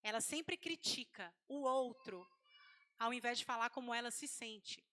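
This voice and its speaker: A woman's voice: on the high side, measured pace, pushed and bright. A woman preaching a sermon to women in a conversational way, acting out quoted lines of speech.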